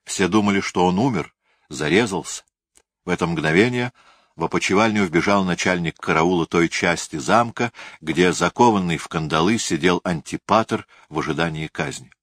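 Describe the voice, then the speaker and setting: A man reading a historical novel aloud as narrator, measured and grave. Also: sits low, a bit bright, no room sound, studio quality.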